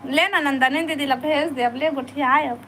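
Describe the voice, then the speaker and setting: A woman's voice: high-pitched, steady tone, moderate pace, heavy background noise. A woman with a Chhattisgarhi accent chatting casually on a live stream, coaxing viewers to stay and like the stream. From Chhattisgarh, India.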